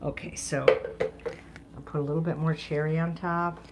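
A middle-aged woman hosts and cooks in a casual live demonstration in her home kitchen, enthusiastic and exclaiming. Her voice is low with little pitch movement at a moderate pace, and the recording is very noisy, full of clattering dishes and clicks.

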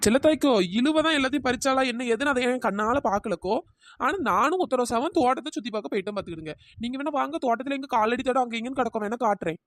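Cartoon role: woman as a quick-witted village schemer, brisk and persuasive. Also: on the high side, no echo, clean studio sound, natural voice. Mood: scheming. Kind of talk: cartoon storytelling.

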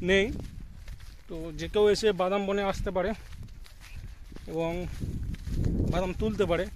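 A high-voiced man with a Midnapore, West Bengal accent vlogs outdoors in a cashew grove, filming his group against a noisy background. His casual commentary to camera is chatty, and he addresses viewers as "guys" and gets excited.

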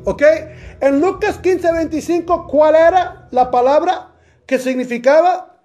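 A male preacher leading a Bible study sermon, constantly asking the congregation questions and saying amen, reading scripture slowly and deliberately. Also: extremely high pitch, dark tone, soft background music.

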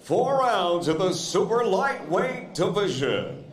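A man's voice: high voice, big pitch swings, slight background noise. A man working as a boxing ring announcer, stretching out the fighters' names. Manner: drawn-out shouted fighter names. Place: convention center arena. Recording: echoey arena sound.

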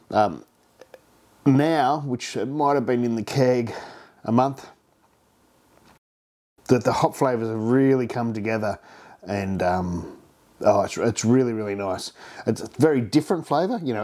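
This beer review vlog comes from an indoor home bar, where an Australian home brewing channel host in his fifties chats in a rambling way. His voice is fairly low and darkish, and he keeps restarting and filling gaps with um.

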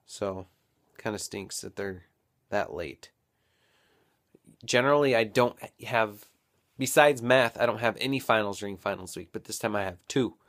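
A young man vlogging casually at home, rambling and thinking out loud into a built-in camera mic. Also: fairly low pitch, moderate pace, long pauses. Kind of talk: casual daily vlog.

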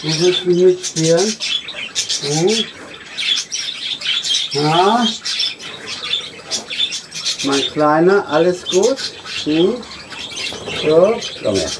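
Slow, low-voiced woman cooing to birds. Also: lively intonation. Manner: cooing, soothing, repeats short questions. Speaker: bird keeper. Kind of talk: coaxing talk to pet budgies. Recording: noisy, birds chirping close by. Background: chirping and squawking budgies.

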